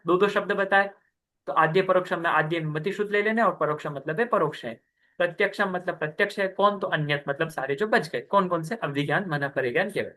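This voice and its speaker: A man's voice: high-pitched, sharp tone. A young man teaching a scripture class over a video call. He explains step by step and keeps checking in with his students. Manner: patient, explains step by step and often asks "ठीक है".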